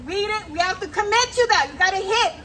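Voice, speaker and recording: A woman working as a self-defense instructor, leading a crowd through call-and-response drills with commanding, energetic shouted cues into a handheld mic at an outdoor rally. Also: extremely high pitch, quick pace, background noise. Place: outdoor rally on a city hall lawn. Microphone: handheld microphone. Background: faint crowd.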